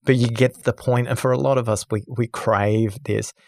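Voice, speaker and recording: A man who is a guest on a podcast, telling a story with lively energy and acting out the people in it. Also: medium pitch, moderate pace, gravelly, no room sound. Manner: lively, acts out the people in his stories. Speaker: podcast guest, listening expert. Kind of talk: animated storytelling in conversation.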